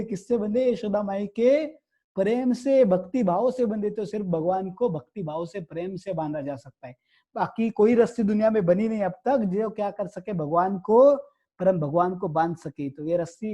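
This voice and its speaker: A male devotional storyteller with a high, soft and mellow voice. He retells the tale in a loose, repetitive way, stopping often to explain and check in with listeners. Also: moderate pace. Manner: repetitive, explanatory, frequent asides.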